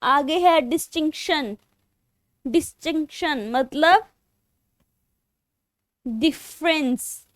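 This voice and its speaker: A woman's voice: high-pitched, extremely slow, pauses often, dry recording, clean studio sound. A woman with an Indian accent teaching English spelling online, spelling words out letter by letter and mixing Hindi with English. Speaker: English teacher for exam prep.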